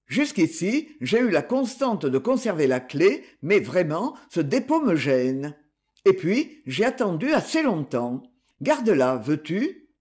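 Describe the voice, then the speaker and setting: A man voicing a slight, calm husband who tells a grim story in a light, coolly ironic tone, read as an audiobook. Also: sits high, unhurried. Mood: gentle. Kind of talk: audiobook reading.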